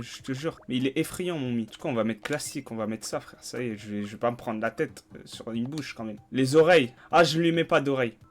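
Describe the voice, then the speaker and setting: A young man streaming a game, chatting casually in slang and swearing freely. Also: medium pitch. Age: young adult. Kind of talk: casual let's-play commentary.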